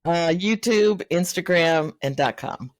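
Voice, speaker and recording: A woman's voice: fairly low pitch, no echo. A woman who is a guest on a gardening chat show, talking in an easy, laughing manner. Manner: slow, laughing, unhurried. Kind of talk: casual chat.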